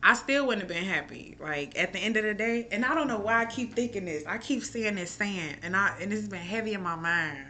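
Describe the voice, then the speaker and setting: Bright-voiced, emotional woman from Chicago. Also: mid-range voice, expressive, brisk, hardly any pauses, a little hiss or hum. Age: adult with a school-age son. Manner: candid, emotional, rambling with many fillers. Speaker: chef and mom. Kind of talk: casual personal vlog talk.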